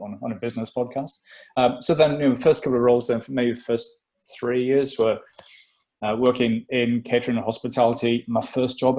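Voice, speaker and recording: A middle-aged man with a Welsh accent from South Wales speaks in a fairly low voice. He tells his story in a loose, rambling way, full of fillers and false starts, with a self-deprecating streak. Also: a little mellow. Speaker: podcast guest. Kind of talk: casual interview chat.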